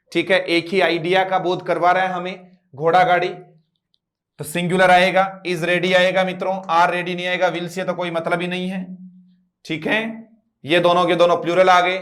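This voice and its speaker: A man with a Rajasthani Hindi accent teaching English grammar, reading example sentences slowly and drilling his students with frequent check-ins. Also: high voice, little pitch movement, fairly bright tone. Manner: drills students, repeats "ठीक है" and "मित्रों". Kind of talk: classroom lesson.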